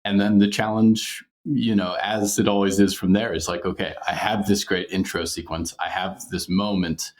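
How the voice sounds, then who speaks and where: Speaking at normal speed with hardly any pauses, this low-voiced man keeps a flat delivery. He's a podcast creator in a casual interview, good-humored and thoughtful in his explanations, with frequent chuckles.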